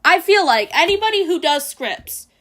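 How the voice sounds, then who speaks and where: A high-pitched woman streamer with a bright, sharp tone talks over a video in a blunt, foul-mouthed rant. She mocks and mimics in a loose, casual reaction style. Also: very animated, normal speed. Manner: blunt and profane, ranting, mocking; sarcastic mimicking voices.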